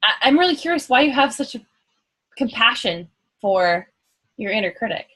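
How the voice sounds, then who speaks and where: A woman's voice: fairly high pitch, lively intonation, moderate pace, a bit bright, low-quality recording. A woman coach trainer leading a live coaching demonstration, curious and probing, with an upbeat way of asking questions.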